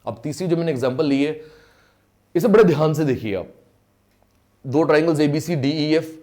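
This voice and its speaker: A man's voice: on the high side, moderate pace, a little mellow. A male maths teacher giving an online lecture, explaining step by step, repeating key terms, drawing out English phrases and often checking that students follow. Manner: mixes in English phrases, drawn out when stressed.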